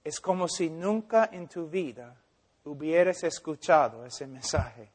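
Male pastor preaching, slow emphatic delivery, reverberant church hall. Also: fairly high pitch, expressive, husky. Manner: preaching with slow deliberate emphasis, acting out quotes. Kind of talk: sermon. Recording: long reverb of a large hall.

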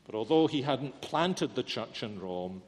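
Male preacher, unhurried sermon delivery, earnest, rhetorical questions, long hall reverb. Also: medium pitch, lively intonation.

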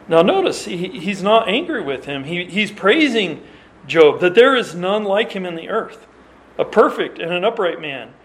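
A man preaching a sermon, earnest and emphatic, reading scripture in old-fashioned wording and often restarting his phrases. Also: high voice. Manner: restarts and repeats words while explaining.

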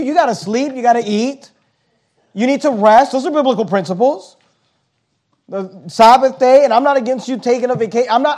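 Man, high-pitched, emphatic pastor's sermon, stumbling restarts, slow heavy scripture reading. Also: a little mellow. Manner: emphatic, punching key phrases, with frequent repeated restarts; reads scripture in a slowed, heightened voice.

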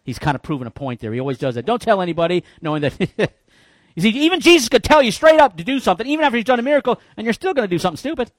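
A man preaching a sermon in church, folksy and joking, with animated bursts when he quotes people. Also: high voice, rapid-fire, dry recording, studio quality. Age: 50s. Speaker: pastor.

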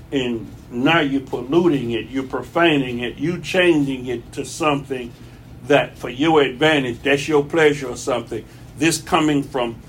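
A man's voice: medium pitch, a little hiss or hum. A man preaching a conversational sermon in his church, folksy and repeating phrases for emphasis. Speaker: pastor.

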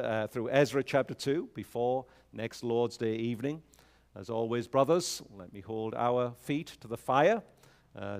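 A man pastoring an evening service, reading scripture slowly and with measured emphasis at a pulpit microphone, then giving notices with many fillers. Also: medium pitch. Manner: frequent fillers when speaking freely. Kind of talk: scripture reading and sermon announcements.

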